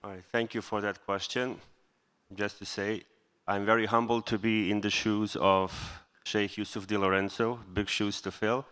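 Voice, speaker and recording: Brief: male panelist from Bosnia, clear resonant voice, measured delivery. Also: on the low side, little pitch movement, fairly bright tone. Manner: measured, explanatory. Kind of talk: conference panel answer.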